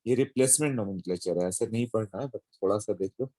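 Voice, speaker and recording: A man's voice: lowish voice, fast, dark tone, no room sound. A man teaching a chemistry lesson, explaining step by step and checking in with his students as he goes. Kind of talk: classroom lecture.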